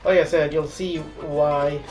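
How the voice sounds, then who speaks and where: A man's voice: on the high side, flat delivery, takes it slowly, a little mellow, soft background music. A man streaming a game live, talking casually in a rambling way with lots of fillers. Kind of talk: live gameplay commentary. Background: game audio.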